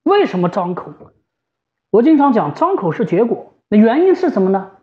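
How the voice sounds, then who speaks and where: This home ventilator specialist and shop staff member explains things informally and conversationally, repeating phrases to stress her points. Her voice is medium-pitched and mellow, sing-song, at a moderate pace. The sound is slightly dull and lo-fi.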